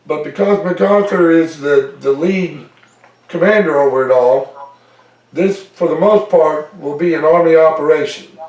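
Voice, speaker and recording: A man's voice: fairly high pitch, a little slow, a little mellow. A man interviewing a guest over a phone line that sounds like an echo chamber, asking long questions he restarts as he goes. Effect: echo chamber reverb on his line. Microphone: phone call. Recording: echoey, distant phone line.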